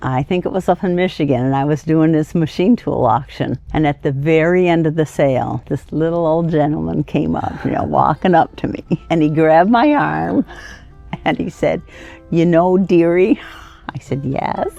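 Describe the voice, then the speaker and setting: A woman's voice: sits low, normal speed, creaky, warm tone, faint music behind. Older woman, plain-spoken, slightly muffled. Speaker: auctioneer being interviewed. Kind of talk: casual conversational interview.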